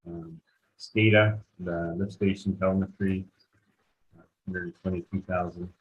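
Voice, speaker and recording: A man, a utilities director, presents a budget to a council in a halting way with many fillers, his audio glitching and cutting out over a video call. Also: low-pitched, big pitch swings, gravelly. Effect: glitchy audio that cuts out over a video call. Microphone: video call microphone. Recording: tinny, lo-fi video call line with faint noise.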